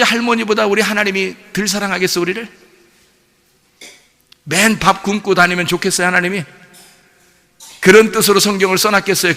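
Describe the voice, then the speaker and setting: A man preaching in a high, bright voice that carries through a church sanctuary with a long reverb tail. He talks to the congregation as if chatting with them, throwing out questions and breaking into little laughs. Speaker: pastor. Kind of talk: sermon.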